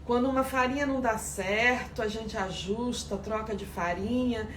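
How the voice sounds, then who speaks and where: A woman's voice: a little high, steady tone, moderate pace. A woman teaching sourdough on a live stream, chatty and greeting viewers by name. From Espírito Santo, Brazil. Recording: echoey room with faint background noise.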